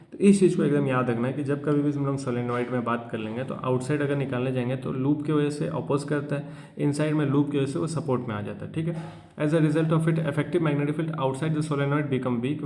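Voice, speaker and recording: A man teaches a physics lesson, slipping from quick casual explanation into slow, careful reading of set lines. His voice is mid-pitched and rings in an echoey room, with a faint hum underneath. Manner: explains in casual Hindi, reading English textbook lines slowly. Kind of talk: class lecture.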